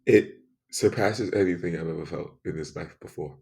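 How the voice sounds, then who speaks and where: A man with a lowish, gravelly voice delivers a fervent spoken monologue. He circles back on his own phrases, pressing a point again and again. His delivery lurches between loud emphatic bursts and quiet, low asides. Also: normal speed. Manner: intense, emphatic, repeats phrases, swings between loud and soft.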